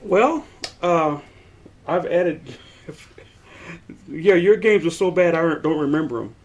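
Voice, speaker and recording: A man's voice: fairly high pitch, slow. Jokey man laughing through sports talk. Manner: joking, laughs often, rambling. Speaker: podcast co-host. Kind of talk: casual sports chat.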